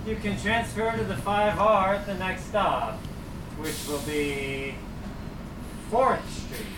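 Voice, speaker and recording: A man's voice: sits high, slow. A man making a professional stop announcement to passengers on board a crowded bus. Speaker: transit announcer. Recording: echoey, distant, noisy bus interior. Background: vehicle noise.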